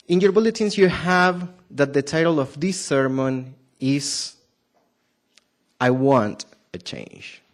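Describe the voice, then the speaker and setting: A preacher with a mid-range voice and a thick Argentine Spanish accent gives a Sabbath sermon at an unhurried pace. He's hesitant, often halting, restarting sentences and filling gaps with "um," and he repeatedly turns to the congregation with questions.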